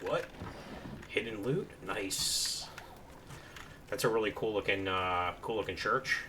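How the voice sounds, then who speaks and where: A man's voice: lowish voice, takes it slowly, noisy background. A man casually commenting on a video game as he plays, rambling with many fillers. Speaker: gameplay commentator. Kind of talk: let's play commentary.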